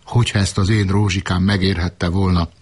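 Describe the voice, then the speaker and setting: A man voicing a grieving peasant woman who speaks softly and pleads tearfully for her dead child. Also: low-pitched, flat delivery, husky. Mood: sobbing.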